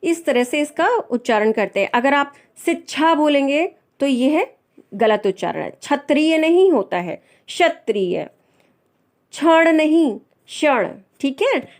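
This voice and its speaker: A woman's voice: high voice, very animated, moderate pace, darkish tone. A woman teaching a language lesson, patiently explaining and repeating each pronunciation.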